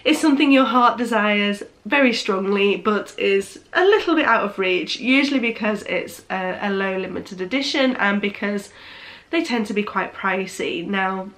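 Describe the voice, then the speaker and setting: A young woman with a cold sounds nasal as she vlogs, chatting casually at normal speed with lively intonation in a medium-pitched, slightly bright voice. She's hesitant, frequently starting her sentences over.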